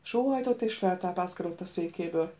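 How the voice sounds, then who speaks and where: A woman narrating an audiobook in an even, measured, subdued way. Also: on the low side, dull audio.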